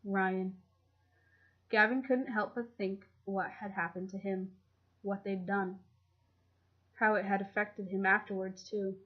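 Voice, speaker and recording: A woman's voice: mid-range voice, unhurried, long pauses. Woman narrating a story on a muffled recording. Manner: steady, even storytelling. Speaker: fan fiction reader. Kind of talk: audiobook narration. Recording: dull lo-fi home recording.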